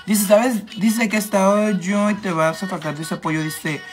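A man's voice: sits high, fairly even intonation, normal speed, faint music behind. Camp Mexican man with a cold. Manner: camp, flamboyant and gossipy, playful swearing. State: coming down with a cold, clearing throat. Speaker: makeup livestreamer. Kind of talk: casual live chat, reading comments aloud.

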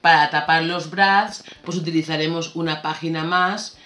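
A woman explains a scrapbooking project in a relaxed, conversational tutorial voice-over. She chats and muses aloud as she works. The sound is roomy, with faint music underneath. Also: low voice, moderate pace. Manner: chatty, relaxed, thinking aloud while working. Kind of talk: casual craft tutorial voice-over.

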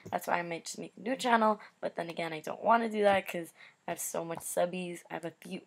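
A woman's voice: fairly low pitch, quick pace, vocal fry. A young woman in her teens giving a rambling, apologetic update to her viewers, her speech a little slurred by a dental retainer. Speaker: YouTuber. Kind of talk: casual vlog update.

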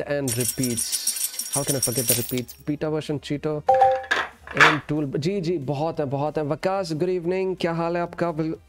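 This is a man's slightly high voice as he casually chats during a game stream. He's friendly, greets viewers as friend and brother, and switches between English and Urdu, with music playing in his indoor streaming setup.

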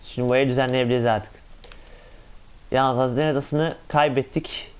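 A man giving casual, excitable commentary on his own gameplay, talking to himself and exclaiming often. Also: mid-range voice, normal speed, smooth. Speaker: gaming channel host.

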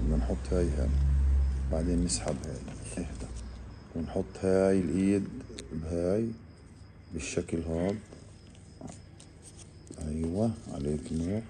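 A man, casually explaining to viewers while calmly coaxing an animal, often in a hushed voice. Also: sits low, normal speed, long pauses, noisy background. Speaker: reptile keeper vlogger. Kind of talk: casual handheld animal vlog.

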